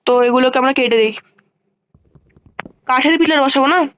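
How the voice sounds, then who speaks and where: A woman giving casual gameplay commentary, chatty, thinking aloud and counting blocks out loud, with quick exclamations when surprised. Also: sits high, smooth, lo-fi sound. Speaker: gaming channel host.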